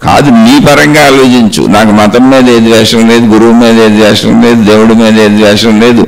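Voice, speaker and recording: A middle-aged man delivers a spiritual talk, pressing his points with one rhetorical question after another. His voice sits at an ordinary male pitch, and his emphatic manner carries the whole discourse. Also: steady tone, a little fast, creaky, rough recording. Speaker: spiritual teacher.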